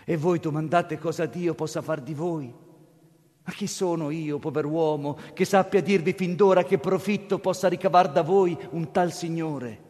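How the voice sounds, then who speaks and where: A man's voice: fairly high pitch, moderate pace, darkish tone, lightly acted. A man reading as a fervent old cardinal. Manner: impassioned, pleading preacher's cadence. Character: older male cardinal, gentle, fervent, humble. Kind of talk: dramatic reading of a classic novel. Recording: long hall reverb.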